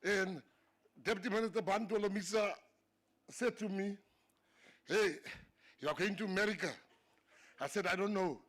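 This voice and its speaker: In a banquet hall, a South African government minister whose first language is Afrikaans gives a humorous after-dinner speech, telling stories and laughing at his own jokes. His voice sits high and a bit bright, moving at a moderate pace with long pauses.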